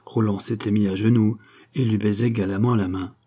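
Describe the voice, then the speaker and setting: A man narrating a classic novel as an audiobook in a measured, steady reading. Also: on the low side.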